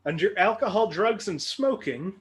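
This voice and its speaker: A man's voice: sits high, animated, normal speed. A man hosting a movie trivia game show, reading clues with dry, mock-serious humor.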